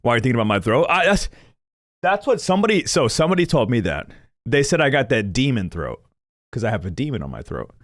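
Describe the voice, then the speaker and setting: A man's voice: mid-range voice, sing-song, quick pace, fairly bright tone, no echo, clean studio sound. A young man chatting casually and rambling to his viewers as a gaming streamer, laughing often at himself. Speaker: gaming streamer reacting to lore videos.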